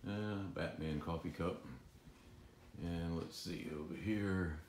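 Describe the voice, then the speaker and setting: Slow, deep-voiced man on a home tour. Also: echoey room, a little hiss or hum. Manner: relaxed, rambling, chuckles often. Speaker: collector giving a home tour. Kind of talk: casual filmed walkthrough. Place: room in a home.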